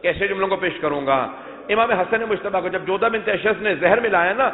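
A man delivering an emotional mourning sermon, telling narrations and addressing the congregation directly. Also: high-pitched. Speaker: Shia preacher. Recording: echoey hall, tinny phone-like sound.

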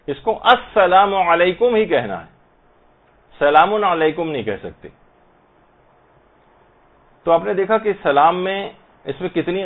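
A man giving an Islamic prayer lesson, patiently explaining and slowly reciting Arabic phrases to show how they should be pronounced. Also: fairly high pitch. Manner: slow, careful recitation of Arabic phrases to demonstrate pronunciation. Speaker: religious teacher. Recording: tinny phone-like audio.

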